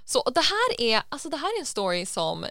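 A young adult woman co-hosting a podcast, chatting in a relaxed way and slipping English phrases into her story. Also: high voice, creaky, no echo, clean studio sound. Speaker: podcast co-host. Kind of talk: casual storytelling chat.

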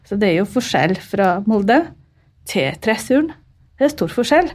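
A middle-aged woman with a Ukrainian accent, a guest telling lively stories and acting out quotes with big jumps in pitch. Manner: animated, acts out quotes with big pitch leaps. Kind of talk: storytelling in an interview.

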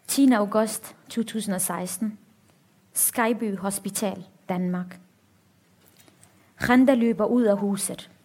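A woman author reading a passage from her book aloud in a steady, grave manner. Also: mid-range voice, pauses often.

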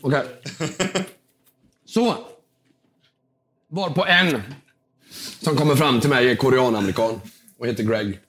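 A young man with a slightly hoarse voice, telling an animated story as a podcast guest and acting out the people in it. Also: pauses often. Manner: lively storytelling, acts out quotes with big jumps in pitch.

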